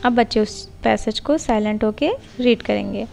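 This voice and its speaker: Brief: young Indian-accented woman, tutor voice, slightly high with some fry, faint hiss behind. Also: a little mellow, rough recording. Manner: mixes Hindi and English, reads English lines slowly. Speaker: teacher-training tutor. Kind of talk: explaining a lesson plan step by step.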